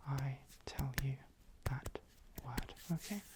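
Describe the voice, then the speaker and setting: Playing a calm, attentive assessor at a clinic, an ASMR performer whispers soft, breathy instructions and repeats phrases gently. The voice sits at medium pitch and moves at a measured pace.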